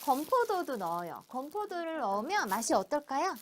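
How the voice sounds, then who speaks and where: A woman's voice: high voice, very animated, moderate pace, a little hiss or hum. A woman teaching a young child to cook, talking in simple, encouraging, sing-song phrases with playful repeated sound words. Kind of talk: hands-on cooking lesson with a young child.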